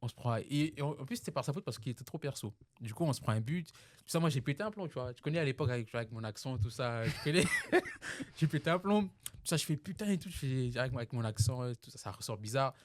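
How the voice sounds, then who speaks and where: A man's voice: mid-range voice, animated, fast, no room sound. A man from Congo, a podcast guest in casual chat, telling personal stories in a reflective way with many restarts.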